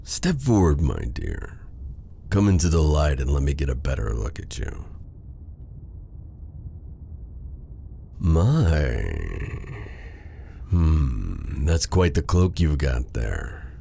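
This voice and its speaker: A man playing a sly, menacing, seductive dark sorcerer in an ASMR fantasy roleplay, with a breathy, gravelly voice and a theatrical, teasing, silky delivery. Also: rumbling low, sing-song, slow pace, a little hiss or hum, heavily acted. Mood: intrigued, silky. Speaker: voice actor.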